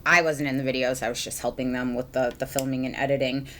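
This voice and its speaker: A woman's voice: a bass voice, little pitch movement, fast talker, fairly bright tone, slight background noise. A young adult woman chatting casually through a makeup routine as a beauty vlogger, rambling with many ums and likes. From Massachusetts. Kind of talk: casual get-ready-with-me chat.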